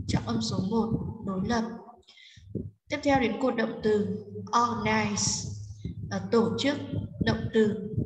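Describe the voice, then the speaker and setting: A woman with a Vietnamese accent teaching an English lesson, explaining words slowly in English and Vietnamese. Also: on the high side, a little mellow. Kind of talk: bilingual textbook lesson. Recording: echoey room with noise.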